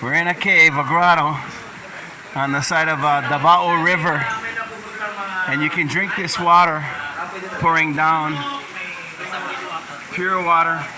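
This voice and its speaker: Slow-talking man from hawaii, cave echo, rambly tour chat over loud water and engine noise. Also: on the high side, fairly even intonation. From Hawaii, USA. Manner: rambling, halting, with many uh fillers. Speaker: travel vlogger. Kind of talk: casual on-the-spot tour commentary. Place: inside a riverside cave grotto, with cave echo.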